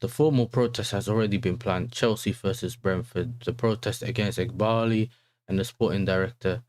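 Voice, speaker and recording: A man's voice: fairly low pitch, steady tone, normal speed, a little mellow. A man with an urban London roadman accent, hosting a casual football livestream in slangy talk full of tag questions. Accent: London, urban street style.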